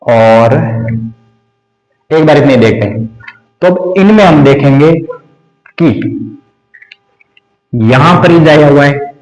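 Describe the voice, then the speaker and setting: A man teaching English grammar in Hindi, explaining slowly and repeating lists aloud while he writes. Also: fairly high pitch, darkish tone. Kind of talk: classroom grammar lesson. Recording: echoey room.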